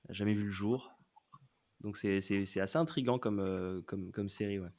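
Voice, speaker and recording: A man, a podcast guest, explaining a series in a casual, hesitant way with many pauses. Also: on the low side, darkish tone. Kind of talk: casual chat.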